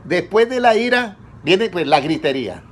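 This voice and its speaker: A man preaching conversationally, asking his congregation questions and letting them answer, his pitch rising on each question. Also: very animated, normal speed. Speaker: pastor leading a Bible study. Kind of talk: conversational sermon.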